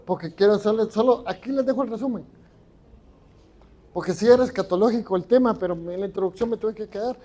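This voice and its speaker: Conversational Mexican pastor preaching. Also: male voice, high voice, fast talker, warm tone. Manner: conversational, asks the congregation questions. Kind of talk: sermon. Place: church.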